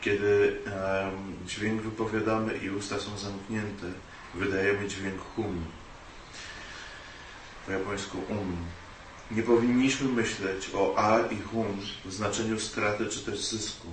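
A man's voice: on the low side, level tone, a little slow. Male interpreter, hesitant delivery, distant mic in a roomy space, faint hiss. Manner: hesitant, many filler sounds. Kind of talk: consecutive interpreting of a dharma talk.

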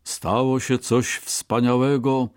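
A man's voice: medium pitch, flat delivery, takes it slowly, clear, resonant tone, no room sound, clean studio sound, voice pushed up, natural voice. A man voicing a mighty king of the gods in a storybook, speaking with solemn dignity.

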